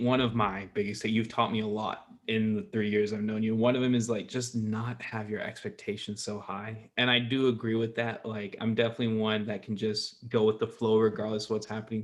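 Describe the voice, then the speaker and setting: A young man in his twenties with a lowish voice, chatting loosely with a friend on a podcast. He rambles, restarts his sentences and laughs easily. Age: 20s. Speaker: podcast host. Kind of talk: casual chat.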